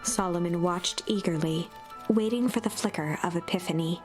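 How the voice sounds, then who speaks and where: A woman giving measured, expressive scripted narration for a story game, in storybook style. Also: on the low side, faint music behind.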